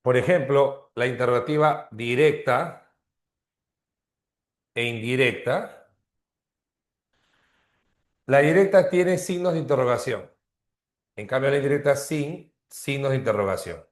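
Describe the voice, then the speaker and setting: A male teacher giving a grammar lesson, explaining slowly, repeating terms and checking in with frequent tag questions. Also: mid-range voice, reverberant. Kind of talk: online grammar class.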